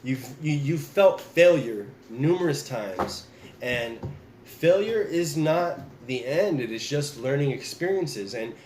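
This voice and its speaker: A tarot reader recovering from the flu talks straight to his viewers during a laid-back reading, often repeating himself and starting sentences over. He has a mid-range voice, heard in an echoey room with a little hiss or hum.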